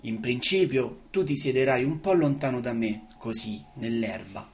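A woman's voice: rumbling low, normal speed. A woman doing a wistful wise storybook fox. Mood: patient. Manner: earnest, explaining, a little louder.

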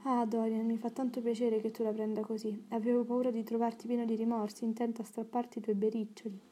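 A worldly, witty English aristocrat, voiced by a woman reading an audiobook speaks in an urbane, calmly persuasive way. The tone is mellow and dark and stays fairly level, a little high for his kind. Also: fast talker, lightly acted.

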